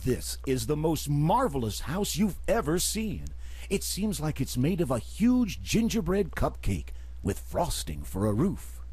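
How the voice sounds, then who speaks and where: A man's voice: fairly high pitch, big pitch swings, a little slow, a little mellow, breathy edge, no echo, full character voice. A man narrating a computer game in a dry, wry storytelling manner. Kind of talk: scripted narration.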